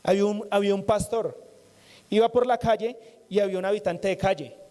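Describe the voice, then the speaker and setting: A man preaching to a congregation, his voice pitched high yet mellow and soft-edged. He talks like a conversation, repeating key phrases and tossing in light jokes. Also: steady tone, a little fast. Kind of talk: sermon.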